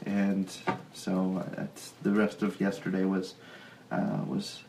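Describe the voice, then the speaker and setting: A man's voice: deep voice, completely flat delivery, takes it slowly, warm tone, a little hiss or hum, low-quality recording. A young man with a Buffalo, New York accent, co-hosting a podcast in casual chat, rambling and laughing often. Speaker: podcast co-host.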